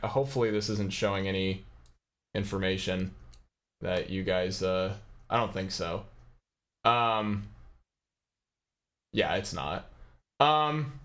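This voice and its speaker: A man's voice: on the low side, fairly bright tone. A young man hosting a casual livestream, explaining his own song in a rambling way with lots of fillers. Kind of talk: casual live walkthrough.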